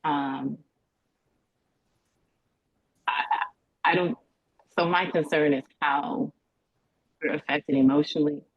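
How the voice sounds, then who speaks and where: A woman testifying as a parent in a custody hearing over a video call, talking haltingly and restarting her sentences as she searches for words. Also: low voice, steady tone, husky, dry recording. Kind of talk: court testimony. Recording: dull, dry video-call audio.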